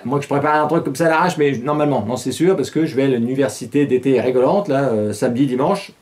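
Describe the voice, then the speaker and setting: A middle-aged man hosts a satirical news show from a small studio with a green-screen news set. He talks quickly in a mid-range voice, casual and mocking, laughing often between jokes. He comes across sarcastic and gestures animatedly.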